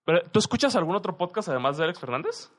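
A man's voice: sits high, sing-song, rapid-fire. A young man with a Mexican Spanish accent, co-hosting a podcast, asking curious questions in casual chat. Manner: curious, asks questions, laughs easily. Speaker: podcast co-host.

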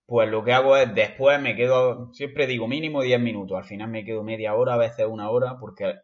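A man's voice: mid-range voice, steady tone, brisk. A man co-hosting a podcast, chatting casually and telling playful stories. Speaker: podcast co-host. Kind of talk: casual banter. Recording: dull lo-fi podcast audio.

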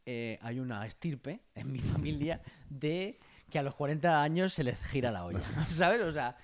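Animated Catalan man, playful banter. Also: a little high, normal speed. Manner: jokey, wordplay, bursts into playful put-on voices. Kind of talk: casual comedic chat.

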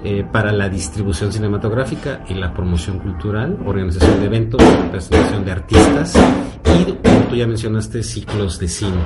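Low-voiced Mexican man, measured talk. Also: lively intonation, heavy background noise. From Mexico City. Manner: measured, explanatory, with frequent "eh" pauses. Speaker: guest, cultural promoter and musician. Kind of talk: radio interview.

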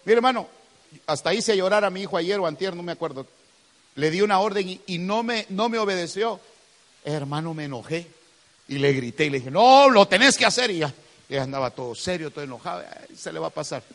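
A man's voice: on the high side, brisk, a bit bright. A man, preaching a sermon as pastor, calling listeners "brother" and driving his points home with emphasis. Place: church hall. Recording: long hall reverb.

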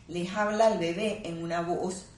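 A woman clinical psychologist explaining things in a calm, measured, teacherly way. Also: on the low side. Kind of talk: explanatory conversation. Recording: roomy sound from a distant mic.

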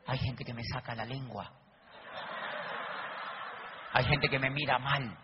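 A man's voice: mid-range voice, steady tone, slow, pitched below the performer's own voice, lightly acted. A man voicing a discouraged young male recruit who plaintively lists his grievances. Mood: glum. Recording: dull lo-fi recording with faint noise.

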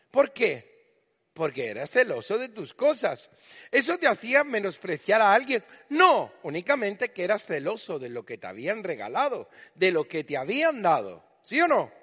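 A male preacher giving an animated sermon in a church, acting out the people he quotes. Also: sits high, breathy edge. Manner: animated, acts out quoted voices. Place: church hall. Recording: long reverb in a church hall.

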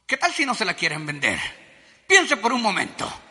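A man preaching with a very high, piercing and bright voice. He talks straight to his congregation, calling them brother, and swings from forceful shouts to hushed asides. His words ring out with a long hall reverb. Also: wildly swooping pitch, normal speed. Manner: addresses listeners directly as brother. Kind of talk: sermon.

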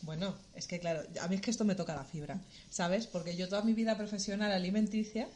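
A woman co-hosting a casual chat, teasing the others and speaking with animated emphasis. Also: medium pitch, fast talker, slight background noise. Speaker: co-host.

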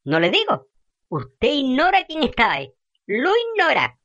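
A fiery, foul-mouthed gossip. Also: female voice, high voice, wildly swooping pitch, measured pace, a bit bright, muffled recording, exaggerated voice. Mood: indignant. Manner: indignant rants with rural slang.

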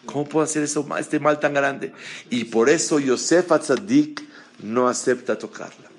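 A man giving a Torah class, animated, asking the audience questions and mixing Hebrew terms into his speech. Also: medium pitch. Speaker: rabbi teaching a class.

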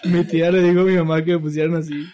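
A man's voice: fairly high pitch, little pitch movement, very fast, a crowd in the background. A man making dry, short remarks in a casual podcast chat. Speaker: podcast co-host.

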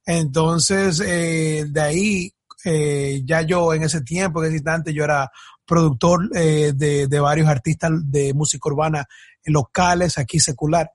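A man's voice: fairly high pitch, steady tone, a little slow, dry recording, studio quality. A man from Ecuador, a guest musician, talking in a casual podcast interview with many fillers and restarts.

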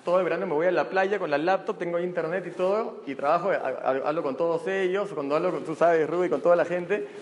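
A man with a Peruvian accent giving a lively, joking live seminar talk as a motivational speaker to an audience. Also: on the high side, fast, few pauses. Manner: energetic and joking. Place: large hall before an audience. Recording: echoey hall with faint room noise.

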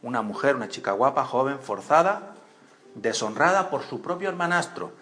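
A pastor preaching a sermon in church, telling stories with acted-out voices and questions to the congregation. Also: male voice, mid-range voice, moderate pace. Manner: animated storytelling, acts out voices and cries, asks the congregation questions.

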